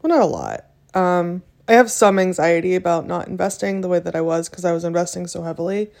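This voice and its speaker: A woman's voice: on the low side, expressive, a little fast, creaky, darkish tone. A young adult woman hosting a casual solo podcast, chatty and loose, full of ums and likes, with little self-deprecating laughs. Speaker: podcast host.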